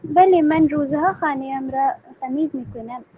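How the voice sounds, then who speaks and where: Female student, high mellow voice, lo-fi noisy line. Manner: asks simple questions slowly. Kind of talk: classroom practice dialogue. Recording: lo-fi with faint noise.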